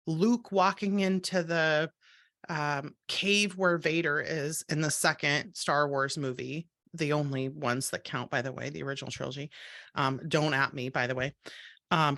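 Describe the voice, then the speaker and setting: A woman hosting a podcast, coaching writers in a casual, reassuring talk full of quick asides. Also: low voice, fairly bright tone, no room sound, clean studio sound. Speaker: podcast host and writing coach. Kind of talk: casual teaching monologue.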